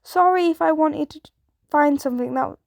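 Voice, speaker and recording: A teenage boy hero who keeps his tone casual while stress slips through, as a woman reads him out. The voice is high and bright in pitch, recorded dry and close. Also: moderate pace, gravelly, no echo. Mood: tense. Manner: tense, trying to sound casual.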